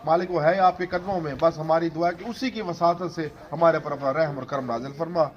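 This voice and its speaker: Guy preaching at a home gathering, impassioned, kinda high pitched, dull lo-fi audio. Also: steady tone, slight background noise. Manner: impassioned, chanting cadence in prayers. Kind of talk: sermon with devotional storytelling and prayer. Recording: dull lo-fi recording.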